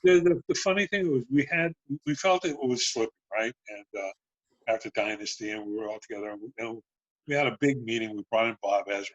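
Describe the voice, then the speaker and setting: A man's voice: mid-range voice, a little fast, dry recording. An older man, a guest on a talk show, telling stories from his music industry days, swearing freely and acting out what others said in raised voices. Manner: animated storyteller who swears and acts out quotes in a raised voice. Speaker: talk show guest, former band promotions manager. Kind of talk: casual storytelling chat. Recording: dull lo-fi dry sound.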